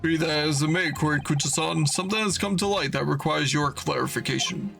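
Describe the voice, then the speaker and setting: Male streamer, reading game lines aloud, gravelly voice, slightly high. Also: a little fast, pushed and bright, soft background music.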